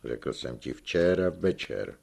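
A shrewd old peasant uncle in an audiobook, gruff and teasing as he scolds his nephew, with a man reading him. The voice sits very deep and gravelly, with a husky grain. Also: expressive, darkish tone, exaggerated voice. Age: older.

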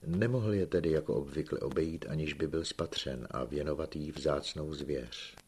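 A man reading a novel aloud as an audiobook narrator, in measured, unhurried scripted narration. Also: a bass voice, darkish tone, slightly rough.

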